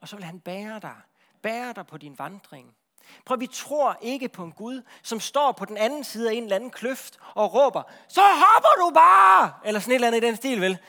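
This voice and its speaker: His voice sits high as he preaches in an animated, talkative manner. He often repeats words and keeps checking in with those listening.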